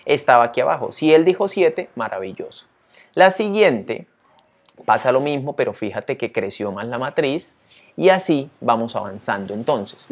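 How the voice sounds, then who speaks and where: A male teacher walking viewers through a tutorial in a lively, chatty way, often asking them questions. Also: medium pitch. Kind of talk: screen-share tutorial.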